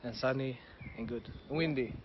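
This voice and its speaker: A man's voice: mid-range voice, moderate pace. A young man chatting casually in a travel vlog, easygoing and often chuckling. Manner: easygoing, chuckling, simple phrasing. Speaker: vlogger. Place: holiday apartment indoors, then outdoors in a windy forest. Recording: dull camera audio with noise.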